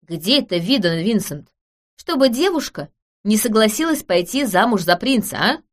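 A woman reading an audiobook, voicing an easygoing young prince who talks in a lively, exclamatory way. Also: medium pitch, moderate pace, close to an everyday voice.

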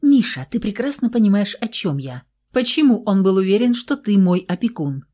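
A woman reading aloud and voicing an angry, rebellious young woman who shouts indignantly in a storybook reading. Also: medium pitch, very animated, moderate pace, voice pushed up.

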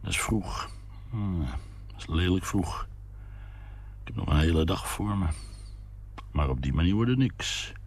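A man's voice: low-pitched, expressive, unhurried, pauses often, exaggerated voice. A man voicing a weary, wistful drinking man of about fifty who mumbles and rambles, humming to himself, in a read-aloud story.

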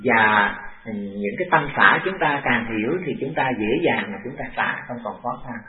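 An older man, a monk, giving a dharma talk to a class in a halting, deliberate way that repeats phrases. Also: medium pitch. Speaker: monk teacher. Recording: distant, echoey, tinny lo-fi tape.

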